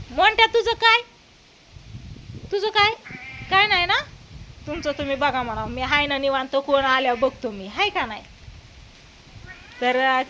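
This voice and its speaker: With faint wind and rain behind her, a woman vlogging at her doorway coaxes her pets in a sing-song tone during a casual chat. Her bright, forceful voice sits on the high side, and the audio is poor.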